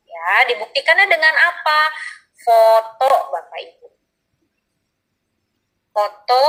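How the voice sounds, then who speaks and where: A woman giving an explanatory tutorial to teachers, addressing them politely again and again and pausing often on filler sounds. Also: a little high, bright, forceful tone, rough recording. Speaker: teacher trainer.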